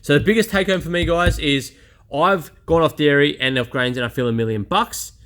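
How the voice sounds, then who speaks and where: Speaking a little fast in a fairly high, somewhat bright voice, a vlogger in his 30s shares his own experience. His candid monologue is casual and blunt, full of chatty, self-deprecating remarks.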